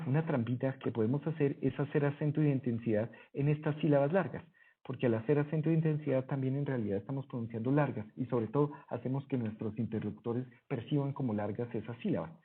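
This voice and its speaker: A man teaching a Greek lesson over a screen recording, explaining patiently and correcting himself as he goes. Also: mid-range voice. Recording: husky voice, phone-like narrow sound.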